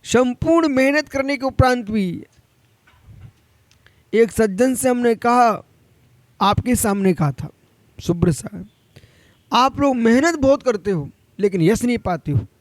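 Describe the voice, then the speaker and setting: A man's voice: very high voice, lively intonation, unhurried, long pauses, no echo. A man, a Jain monk, giving a sermon in an admonishing, direct way, rising sharply when he urges his listeners on.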